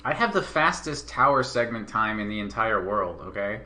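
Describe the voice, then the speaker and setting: A man with a bright, sharp tone talks through a speedrun in casual commentary. His pitch swings widely as he jokes and boasts about his records. His voice sits on the low side. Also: lively intonation, moderate pace. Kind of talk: casual commentary over a game run.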